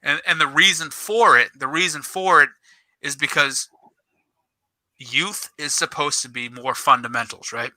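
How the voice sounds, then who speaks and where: A man's voice: a little high, a little slow, dry recording, low-quality recording. A middle-aged man, a youth football coach telling a story on a casual podcast, acting out quoted lines and swearing. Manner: animated, swears, acts out quoted dialogue.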